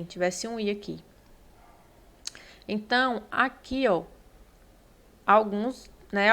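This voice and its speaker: A Brazilian woman teaching a grammar lesson for exam takers. She explains step by step, spells words out slowly and keeps checking in with her listeners. Her voice sits at an ordinary middle pitch. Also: a bit bright. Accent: Brazilian Portuguese. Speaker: Portuguese teacher.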